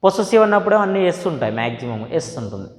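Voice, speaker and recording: High-voiced Telugu-accented man lecturing, echoey. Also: very animated. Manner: switches between Telugu and English, repeats each definition slowly. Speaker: English lecturer. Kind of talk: recorded class lecture. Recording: echoey room with long reverb.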